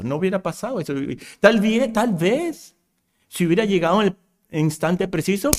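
A man preaching a sermon, emphatic, repeating phrases and asking rhetorical questions. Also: high-pitched.

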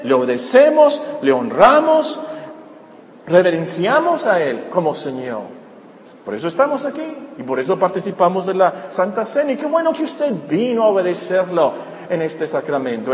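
Animated preaching man in an echoey hall. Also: high-pitched. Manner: animated preaching, repeats phrases for emphasis. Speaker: pastor. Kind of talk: sermon. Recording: echoey hall with faint ambience.

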